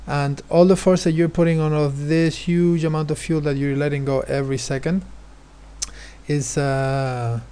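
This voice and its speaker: A man's voice: fairly high pitch, steady tone, normal speed, warm tone, clear, resonant tone. A male teacher explaining physics exam questions, hesitant, with many fillers and restarts. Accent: non-American, his remark says so.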